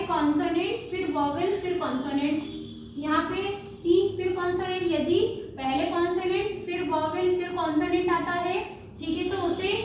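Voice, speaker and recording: A woman, teaching a phonics lesson for beginners. She spells out letters slowly and asks and answers her own questions. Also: very high voice. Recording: very echoey room, voice from far off, faint background hum.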